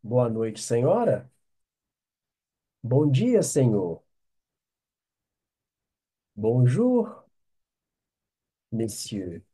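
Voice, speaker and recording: A man's voice: mid-range voice, huge pitch swings, warm tone, breathy edge. Patient Brazilian man teaching French. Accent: Brazilian Portuguese. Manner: patient, drills phrases slowly with frequent "ok?" checks. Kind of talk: online language lesson.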